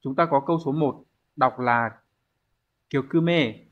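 A man's voice: mid-range voice, takes it slowly, lo-fi sound. Man teaching an exam review lesson. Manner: explains step by step, often asks the class to confirm. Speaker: Japanese language teacher.

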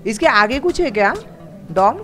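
A man with an Indian accent hosting a multiplayer gameplay video, excitedly hyping a raid and making playful sound effects. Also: sits high, measured pace, soft background music. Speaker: gaming channel host. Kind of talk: live multiplayer gameplay chat.

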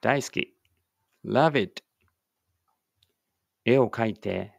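A man teaching English, slowly reading short Japanese phrases and then their English translations aloud as a drill, sometimes muttering quietly to himself. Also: mid-range voice, gravelly, dry recording. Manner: reads each Japanese phrase, then its English, with slow deliberate pauses.

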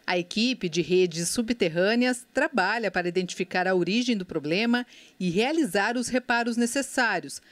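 A woman with a Brazilian Portuguese accent reading a scripted news voice-over in a measured, formal way. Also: mid-range voice, no echo. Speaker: news reporter. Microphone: studio voice-over.

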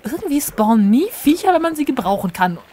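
A woman's voice: high-pitched, very animated, fairly quick, mellow, a little hiss or hum. A woman giving chatty, self-mocking commentary while playing a game and talking to her viewers. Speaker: let's player. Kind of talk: casual gameplay commentary.

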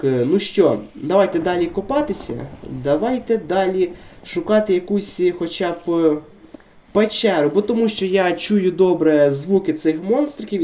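A man narrates his gameplay in a steady chatter, and his voice sounds worn by illness. His tone is mellow and dark, and he turns excitable when the action heats up, repeating short words. Moments of calm talk alternate with bursts of urgency. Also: high-pitched. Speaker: gaming video creator. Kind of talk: let's-play commentary.

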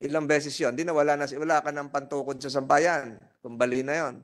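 A man's voice: a little high, steady tone, a little fast. A man chairing a hearing, probing a witness and repeating and rephrasing his questions. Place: legislative hearing room.

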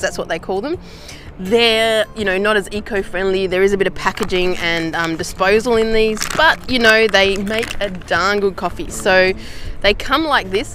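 An Australian woman vlogging outdoors in a casual how-to chat, slangy and relaxed with easy laughs. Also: medium pitch, slight background noise. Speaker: hiking vlogger.

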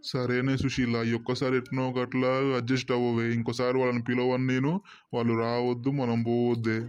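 A man's voice: medium pitch, monotone, fairly quick, a little mellow, smooth, close to an everyday voice. A man voicing an anxious henpecked husband in a Telangana Telugu cartoon comedy, pleading with his wife. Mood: flustered. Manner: pleading, flustered. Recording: muffled lo-fi recording.

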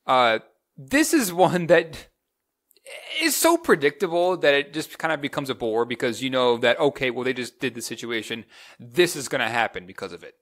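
A man in his twenties chatting casually as a movie reviewer, excitable and rambling, often restarting his sentences. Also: mid-range voice, moderate pace. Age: 20s. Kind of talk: casual chat.

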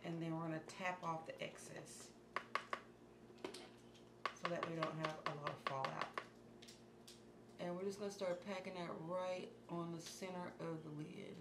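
A beauty vlogger in her thirties, her voice slightly hoarse and fairly low, guides viewers through a makeup tutorial at a moderate pace with frequent pauses. She stays calm and instructive, softening almost to a murmur while she works. She's in a small indoor room against a plain wall, where the sound echoes over a steady hiss.

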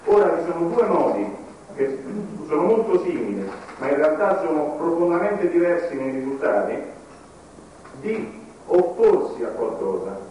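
A man giving a conference talk in a deliberate, halting way, often restarting his phrases. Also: fairly high pitch, sing-song, dark tone, slight background noise. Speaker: conference speaker. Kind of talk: public lecture. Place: conference hall. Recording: echoey hall recorded from a distance.

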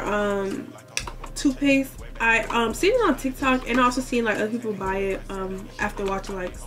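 A young woman, slightly congested, chatting casually through a shopping haul vlog full of fillers. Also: mid-range voice. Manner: chatty, relaxed, filler-heavy. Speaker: vlogger.

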